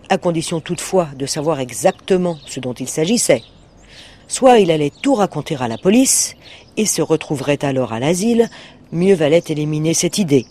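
A man narrating a short story aloud in a measured, expressive storytelling manner. His voice sits a little higher than most men's. It is a clean audiobook reading.

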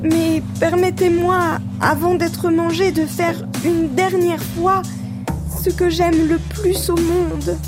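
A woman's voice: extremely high pitch, little pitch movement, takes it slowly, loud music behind the voice, pitched above the performer's own voice. A woman voicing a small, timid male lamb who stammers politely to a wolf in a children's storybook.

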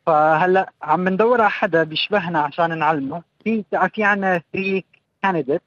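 A man's voice: sits high, brisk, a bit bright, no room sound, dull audio. A man with a Palestinian-Jordanian Levantine Arabic accent chats casually as an interview guest, mixing English words into his speech. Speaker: interview guest, craft project co-founder. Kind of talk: casual radio interview talk.

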